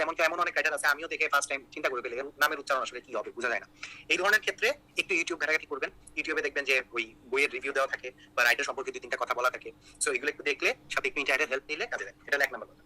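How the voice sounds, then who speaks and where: A young man from Bangladesh, teaching an online exam-prep class in a quick, joking way and checking in with his students again and again. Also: medium pitch, bright, forceful tone, a little hiss or hum, low-quality recording. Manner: rapid, joking, repeats key points with "ঠিক আছে?".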